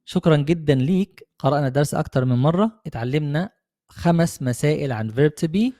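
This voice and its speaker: A young man with an Egyptian Arabic accent teaching an English lesson, patient and encouraging, with slow repetition. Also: on the high side, dark tone. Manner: patient, encouraging, repeats slowly. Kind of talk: online language lesson.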